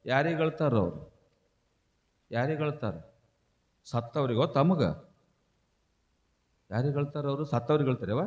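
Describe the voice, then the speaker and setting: A man telling a devotional story in a sung and spoken style, swinging between loud high pleading and low hushed asides. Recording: echoey hall, long reverb.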